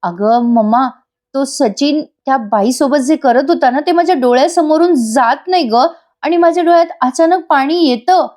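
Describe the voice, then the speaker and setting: A woman's voice: high voice, moderate pace, darkish tone, voice pushed up, natural voice. A woman reading the part of an upset, hurt young wife pouring out her grievances. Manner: upset, complaining.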